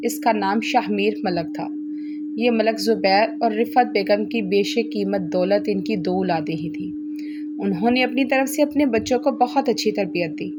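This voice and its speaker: A woman storyteller reading a romantic novel aloud with steady, expressive narration. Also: mid-range voice, noisy background.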